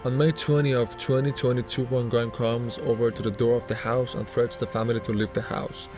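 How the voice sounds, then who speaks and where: A man delivers scripted narration in the manner of an online countdown video. His voice sits at a middling pitch, with music playing underneath. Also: level tone, a little fast. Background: background music.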